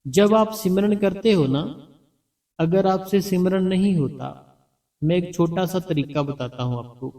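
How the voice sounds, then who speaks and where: A man giving spiritual meditation guidance in a slow, repetitive, coaxing way, softly chanting names as he teaches. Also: sits high. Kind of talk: devotional guidance talk. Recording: heard from a distance over background music.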